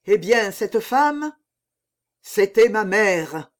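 A man's voice: high-pitched, animated, drawn-out words, full character voice. A man reading aloud, voicing a vengeful young man disguised as a monk, cold and unforgiving. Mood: merciless.

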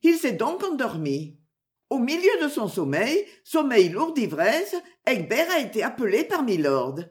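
A woman's voice: big pitch swings, a little slow. A woman reader voicing a young lady's maid who sobs in fright and turns pert and teasing, in a storybook reading. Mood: nervous explaining. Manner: high sobbing cries, pert.

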